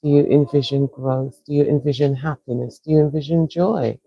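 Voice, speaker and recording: A woman with a South London accent, a wellness coach leading a live-streamed guided breathing session in a slow, soothing, encouraging way. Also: deep voice, fairly even intonation, vocal fry, dry recording, muffled recording. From England.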